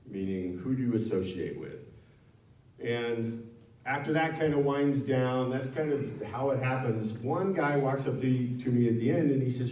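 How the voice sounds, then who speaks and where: A man's voice: mid-range voice, dark tone. A man from Nevada speaking as a guest at a town hall, telling a personal story in a frank, conversational way and correcting himself as he goes. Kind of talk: storytelling talk to an audience. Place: town hall meeting room. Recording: echoey room from far off.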